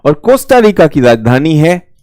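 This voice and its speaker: A man's voice: a little high, sing-song, normal speed, darkish tone, no room sound, clean studio sound. A man with an Indian accent teaching geography in a live online exam-prep class, chatty and teasing, repeating key words.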